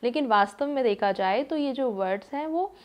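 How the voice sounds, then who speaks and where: A woman's voice: a little high, lively intonation, moderate pace. A woman in her thirties telling a personal story in a casual, chatty way, with many fillers and acted-out quotes. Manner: chatty, lots of fillers, acts out quoted voices. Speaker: vlogger.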